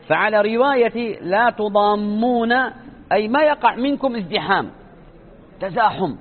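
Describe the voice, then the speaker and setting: A man teaching a religious lesson, explaining slowly, repeating and stretching key words and asking rhetorical questions. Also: high voice. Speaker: sheikh teaching Islamic creed. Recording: tinny phone-like lecture recording.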